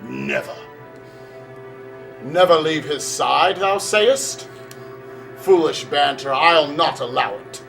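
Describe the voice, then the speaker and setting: A man's voice: fairly high pitch, slow pace, creaky, pauses often, fairly bright tone, soft background music, full character voice. A man playing a stern old king. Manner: archaic stage speech, commanding. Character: stern old King Leo, domineering father. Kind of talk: amateur stage skit.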